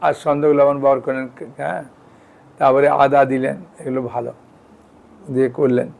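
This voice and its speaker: A man's voice: mid-range voice, flat delivery, brisk, vocal fry, darkish tone. A man giving an informal devotional lecture, talking plainly and often checking in with his listeners. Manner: conversational, frequent "yes?" and "all right?" checks with listeners. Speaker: devotional teacher.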